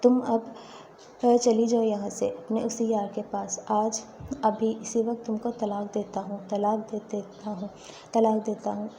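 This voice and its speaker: A woman's voice: medium pitch, completely flat delivery, creaky, slight background noise, lightly acted. A woman reading the lines of a cruel husband in a storybook tale, threatening and harsh. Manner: threatening, shouting.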